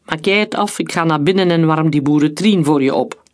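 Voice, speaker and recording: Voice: mid-range voice, brisk, close to an everyday voice. A narrator voicing Udo, a cruel male German soldier who mocks and gives orders in a storybook reading. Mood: mocking menace. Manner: mocking, commanding.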